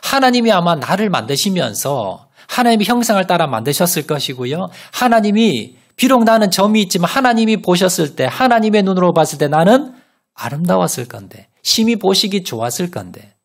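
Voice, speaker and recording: A man's voice: sits high, sing-song, brisk. Male pastor giving a sermon, voice swoops up and down a lot, tells a story, keeps asking the church questions. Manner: storytelling with sudden loud rises and soft drops; asks the congregation rhetorical questions.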